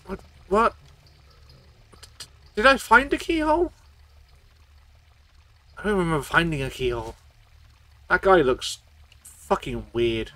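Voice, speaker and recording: A man's voice: sits high, sharp tone, dry recording. A man streaming a video game, swearing and rambling as he gets tipsy from shots. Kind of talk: casual gameplay commentary.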